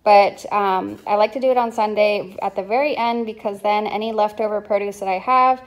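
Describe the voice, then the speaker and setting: A woman in her thirties talks through her haul in a casual, chatty way, filling pauses with ums and likes. Her voice sits at an ordinary middle pitch. She sounds relaxed and easygoing, recorded at home. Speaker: vlogger. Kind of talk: casual grocery haul chat. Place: home kitchen.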